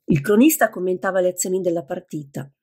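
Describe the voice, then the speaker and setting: A woman with a gravelly, husky voice reading an audiobook as narrator in a steady, even manner. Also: fairly low pitch, fast talker. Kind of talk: scripted narration.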